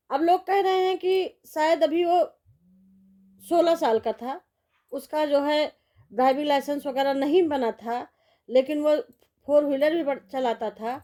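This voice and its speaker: Middle-aged woman, casual vlog commentary, high mellow voice, sympathetic rambling. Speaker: vlogger.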